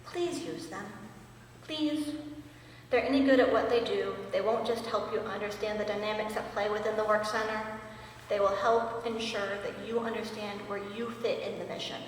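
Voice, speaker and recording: A woman's voice: medium pitch, fairly even intonation, fairly quick, a little hiss or hum. Woman speaking at a ceremony in an echoey hall. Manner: earnest, wry, emotional at times. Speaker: master sergeant giving a promotion speech. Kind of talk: ceremony speech. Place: large indoor hall. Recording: echoey hall, mic far off.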